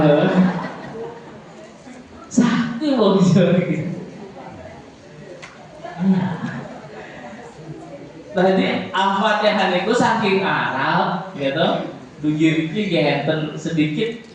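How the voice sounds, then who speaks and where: Slow teacher in an echoing hall. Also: male voice, sits high, lively intonation, a crowd in the background. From Jakarta, Indonesia. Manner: demonstrates letter sounds, joking. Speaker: Islamic teacher at a boarding school. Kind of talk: religious lesson to villagers. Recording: very echoey hall, distant mic, faint ambience.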